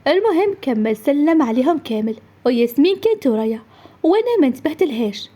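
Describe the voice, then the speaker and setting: A young woman narrating her own story in a lively, conversational way. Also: high voice, fast. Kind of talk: first-person story narration.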